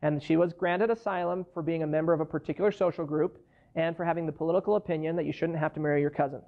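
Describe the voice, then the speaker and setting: Gravelly man lecturing in a classroom. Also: fairly high pitch, fairly even intonation, very fast. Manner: conversational, explains with worked case examples. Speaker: immigration lawyer giving a guest lecture. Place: university lecture hall, standing at a lectern. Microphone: far camera in the room. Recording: dull lo-fi classroom recording.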